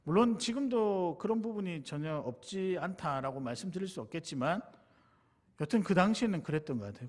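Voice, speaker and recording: Middle-aged male pastor, somewhat high, husky voice, earnest sermon storytelling. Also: a little mellow. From Busan, South Korea. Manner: earnest, confessional, addresses the congregation directly. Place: church sanctuary.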